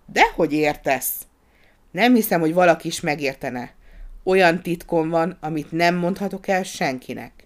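Reader playing a grieving, secretive politician; terse and gloomy, raised above the narration. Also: male voice, fairly high pitch, expressive, lightly acted. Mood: insistent. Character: brooding, heartbroken male politician.

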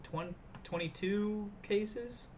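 A young man co-hosting a podcast, chatting casually and retelling stories with quick laughs. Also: high-pitched, a crowd in the background. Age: young adult. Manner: excitable storyteller, quick laughs. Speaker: podcast co-host. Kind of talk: casual chat.

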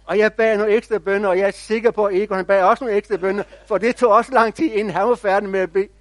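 A man pastor preaching a sermon, telling stories in a measured, reflective way with quiet pauses. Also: sits high, steady tone, no room sound.

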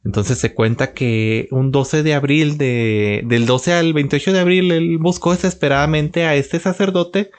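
Man retelling a story with frequent pauses. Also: fairly high pitch. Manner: unhurried, pausing often with filler sounds. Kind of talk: unscripted religious storytelling.

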